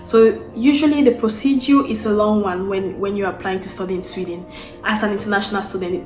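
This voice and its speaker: A young Cameroonian vlogger casually explains a step-by-step process to camera, unscripted, restarting and repeating phrases as she works through each point. Her medium-pitched, darkish voice is brisk with fairly even intonation. It echoes in the room over faint background music.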